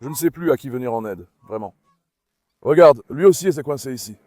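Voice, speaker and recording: A man vlogging outdoors in a garden, calling and coaxing his puppies in a lively, animated way and talking to his viewers. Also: medium pitch, brisk, no echo, clean studio sound. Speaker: dog breeder vlogger. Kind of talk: casual vlog talk to puppies and viewers.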